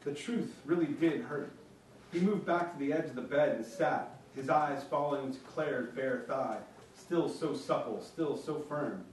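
A male author at a college event, reading his own fiction aloud in a measured, wry way. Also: on the high side, a little hiss or hum. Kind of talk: literary reading. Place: college lecture room. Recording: very echoey room, mic far off.

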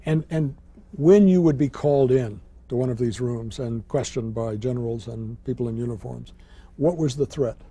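A man hosting a televised panel discussion in a studio, making formal introductions and asking questions in a measured way. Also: mid-range voice, dark tone, husky. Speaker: host, moderator. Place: TV studio with audience.

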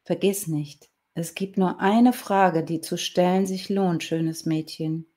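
A woman voicing a trapped, wise old male wolf who wails in pain and then speaks slow and solemn. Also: lowish voice, warm tone.

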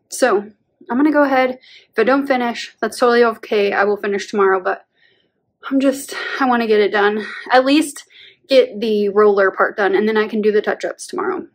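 A young woman with a slightly high voice talks casually to her camera at home, rambling with plenty of "like"s and little laughs. She sounds worn out and sometimes short of breath after a long day of painting. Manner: chatty, rambling, uses "like" often, laughs between words. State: tired, out of breath at times. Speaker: vlogger. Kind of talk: casual vlog talk to camera. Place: home bedroom being painted.

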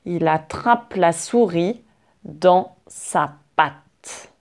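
A woman teaching French, telling a fable to learners in very clear, repetitive phrasing. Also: on the low side, drawn-out words, a little mellow. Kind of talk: slow storytelling for learners.

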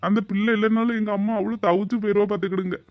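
Brief: man voicing a wronged young husband in a cartoon, high-pitched and rapid, complaining. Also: fairly even intonation, no room sound, dull audio, lightly acted. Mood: aggrieved. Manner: complaining, aggrieved, rhetorical questions. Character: exasperated young husband, wronged and self-pitying.

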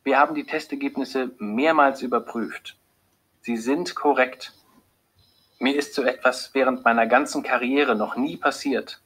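A man's voice: medium pitch, measured pace, breathy edge, pitched above the performer's own voice, low-quality recording. A man voicing a serious female lab doctor. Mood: calm. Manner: calm, earnest, hesitant when giving bad news. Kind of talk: audiobook character voice.

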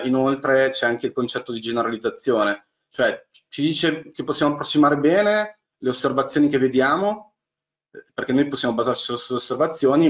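A man with a mid-range, fairly bright voice presents a technical lecture on deep learning, narrating his slides. Heard through a webcam on a video call in a small indoor room, his talk is full of fillers and restarts.

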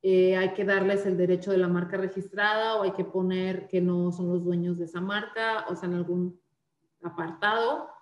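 A woman's voice: fairly low pitch, fairly even intonation, normal speed, reverberant, highs cut off. A woman instructor giving an online class presentation with slides, explaining step by step with frequent "eh" fillers and restarts.

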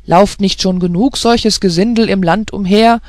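A reader voicing gruff, scornful older male gate guards in an audiobook fairy tale, shouting harshly and mocking. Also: medium pitch, normal speed, no room sound, studio quality, lightly acted.

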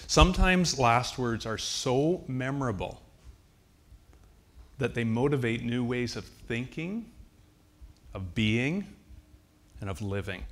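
A man, preaching a sermon as a pastor and telling a personal story in an earnest, heartfelt way with slow, emphatic repetitions. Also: mid-range voice. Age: 60s.

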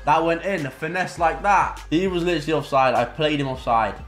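A young adult gaming content creator gives excitable live commentary on his own football video game, muttering between moves and erupting into loud shouts at goals. His voice is on the high side and fairly quick. He's recorded indoors in a home gaming room with roomy echo and faint game music behind.

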